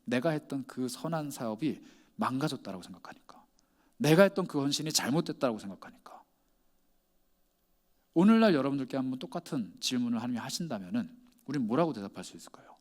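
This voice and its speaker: A man's voice: mid-range voice, big pitch swings, fast talker, darkish tone. A male pastor preaching a sermon, putting pointed rhetorical questions to his congregation.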